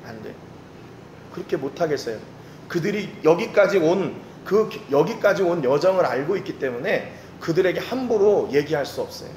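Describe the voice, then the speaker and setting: An earnest male pastor delivers a sermon in a slightly high voice, repeating key phrases for emphasis. He speaks straight to his congregation. His voice carries a roomy echo over faint background noise. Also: lively intonation, normal speed, darkish tone. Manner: addresses the congregation directly. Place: church service.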